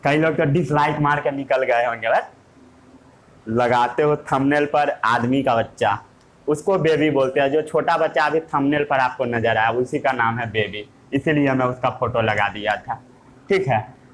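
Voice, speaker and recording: A man's voice: mid-range voice, moderate pace. A man teaching a lesson, asking questions and answering them himself in a playful way. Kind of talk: classroom lesson.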